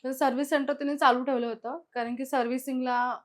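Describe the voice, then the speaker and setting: A woman's voice: high voice, flat delivery, fast talker. A young woman guest casually retelling her own experiences, acting out the quoted dialogue of the people involved. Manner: chatty, retells events with lots of quoted dialogue. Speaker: guest sharing personal experiences. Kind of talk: casual spoken storytelling.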